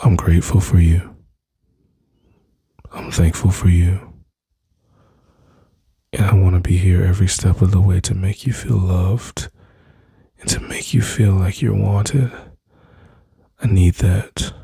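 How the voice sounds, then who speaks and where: A man speaking slowly and intimately into a close mic, soothing and reassuring, often dropping to a whisper. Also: low-pitched, fairly even intonation, vocal fry, mellow, slightly rough, no echo. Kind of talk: soft-spoken ASMR comfort roleplay.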